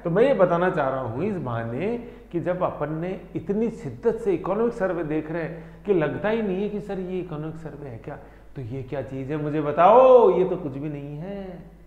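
A man's voice: on the high side, lively intonation, moderate pace. A man teaching an exam-prep history lesson, playful and teasing as he quizzes his students. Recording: echoey room, slightly dull sound.

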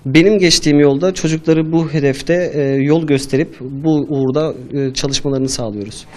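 A male sports coach talks in an interview. His voice is on the higher side, with slight noise behind. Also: moderate pace, darkish tone. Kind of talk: interview statement.

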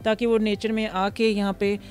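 A woman in her thirties from Pakistan, a restaurant founder answering interview questions outdoors into a handheld mic, pausing often with fillers. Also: mid-range voice, level tone, darkish tone, soft background music. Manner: hesitant, many fillers, mixes English words. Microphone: handheld mic held by interviewer.

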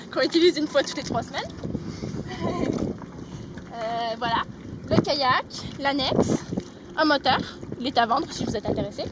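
A young woman shows off her sailboat in an easygoing, halting way, her voice sitting high. Loud wind and water noise rush over the action-camera recording on an open deck. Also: distant mic. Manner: relaxed, many "euh" fillers, light laughs. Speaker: sailboat owner giving a tour. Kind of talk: casual video tour. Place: sailboat cabin, then open deck outdoors.

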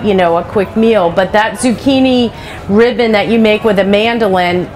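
A woman's voice: mid-range voice, slight background noise. A middle-aged woman chef giving a live cooking demonstration on a trade show stage, talking in a chatty, practical way with lots of asides. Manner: chatty, practical, many "you know" asides. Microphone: headset.

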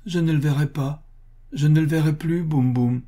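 A man voicing a sick little boy of seven, frail and wistful, in a high, breathy, fragile voice. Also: fairly even intonation, moderate pace, warm tone, close to an everyday voice.

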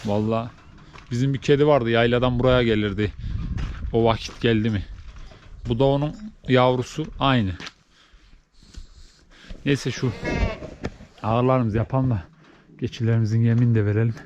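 A man vlogging from a snowy farm barn, chatting casually to camera while doing chores and cooing at newborn goats, then dropping to soft low chatter. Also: fairly even intonation, moderate pace, pauses often, muffled recording, a little hiss or hum. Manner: coos and baby-talks at animals, rising high and loud; drops to soft, low chatter when explaining. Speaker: village vlogger tending goats.

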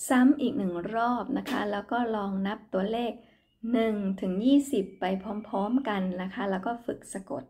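A woman teaching English numbers to young children in a recorded online lesson, speaking English with a Thai accent. She talks slowly and patiently, repeating each word and spelling it out letter by letter. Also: a little high, darkish tone. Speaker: primary school English teacher.

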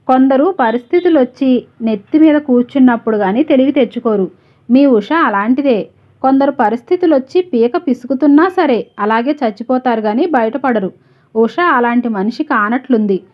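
A woman's voice: high voice, moderate pace, lightly acted. A woman reading the lines of an easygoing, reassuring husband in a storybook narration. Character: man, a calm, joking husband. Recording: slightly dull, lo-fi audio.

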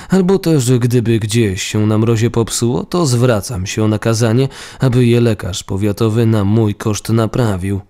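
A courteous young nobleman's ghost, long parted from his body, as a man reads him, pleading his case with stiff formal humility. The voice sits low and mellow, and this is a storybook telling. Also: close to an everyday voice.

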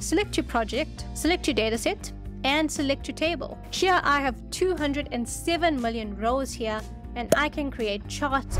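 Emphatic woman in her 30s doing a tech explainer, highish voice, music bed under it. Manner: confident, emphatic, opinionated. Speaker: spreadsheet educator and video host. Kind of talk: scripted tech explainer to camera. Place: home studio with shelves behind.

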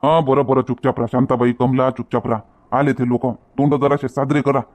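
An actor with a Varhadi Marathi accent playing a calm village headman who placates two quarrelling women. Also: medium pitch, a little fast, close to an everyday voice. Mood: placating. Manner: soothing, placating. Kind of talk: village comedy skit.

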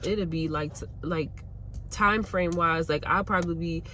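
A woman's voice: lowish voice, measured pace, a bit bright. A woman vlogging casually about her new nail salon, candid and rambling, from Pennsylvania. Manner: candid, rambling, uses y'all and like a lot. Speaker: nail tech and salon owner. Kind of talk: casual vlog chat. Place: in a car. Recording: car and street noise behind.

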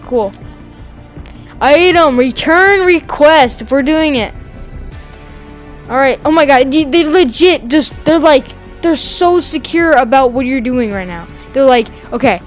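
A woman talking casually over her own gameplay, excitable and slangy, yelling and laughing at the game. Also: sits high. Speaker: gamer streaming gameplay.

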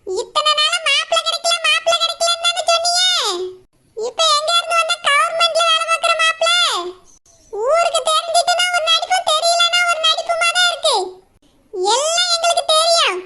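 A woman's voice: extremely high pitch, fairly even intonation, brisk. A woman with a Kanyakumari Tamil accent, playing an older village woman who scornfully accuses and curses the other family. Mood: accusing. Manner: scornful, accusing, shouting in a street quarrel. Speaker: angry mother of the groom's side. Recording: loud background noise.

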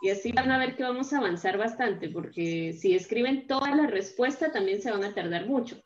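A woman's voice: fairly high pitch, a little fast, reverberant, lo-fi sound. Patient woman teacher on a video call. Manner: patient, explains step by step, often checks with "¿verdad?". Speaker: primary school teacher. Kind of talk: online class instruction.

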